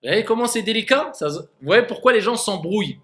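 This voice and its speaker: A man's voice: sits high, lively intonation, a little fast, fairly bright tone. A man teaching a classroom lesson on recitation, demonstrating letter sounds again and again and questioning his students.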